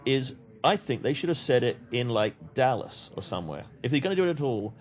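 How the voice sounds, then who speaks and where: A man's voice: mid-range voice, sing-song, brisk. A man from England, raised in London, talking casually as a guest on a podcast, rambling with frequent restarts and repeated words. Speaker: comics writer guest.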